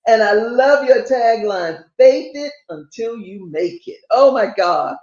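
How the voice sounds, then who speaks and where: A woman's voice: fairly high pitch, lively intonation, takes it slowly, darkish tone. An older woman hosting a podcast, chatty and enthusiastic, repeating her points for emphasis. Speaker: podcast host. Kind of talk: casual interview chat. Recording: roomy, dull lo-fi sound.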